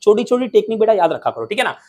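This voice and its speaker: A man teaching a lesson in a playful, energetic way, quizzing students with call-and-response questions and cracking jokes. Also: high-pitched, very fast. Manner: jokey, drops rhymes and mnemonics.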